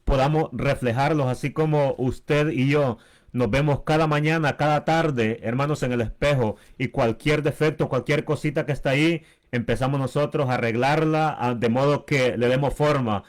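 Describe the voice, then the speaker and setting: A man co-leading a Bible study, speaking at an ordinary mid pitch. He talks unhurriedly and keeps addressing his listeners as brothers. The talk is casual and earnest. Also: moderate pace. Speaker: pastor.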